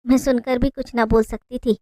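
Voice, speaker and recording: A woman narrating a heartfelt family story in the first person, in a plaintive, expressive way. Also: fairly high pitch, moderate pace, no echo.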